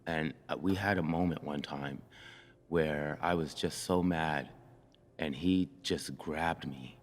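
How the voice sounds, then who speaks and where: A man in his sixties telling his own life story slowly and reflectively, with many pauses and fillers. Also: extremely low pitch. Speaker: church member sharing his story. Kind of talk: personal storytelling in a conversation. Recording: reverberant room.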